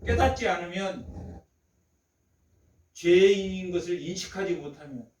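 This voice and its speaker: A man's voice: high-pitched, unhurried. A man preaching a Sunday sermon as pastor, repeating phrases for emphasis and asking the congregation rhetorical questions. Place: church sanctuary. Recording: echoey church hall, mic at a distance.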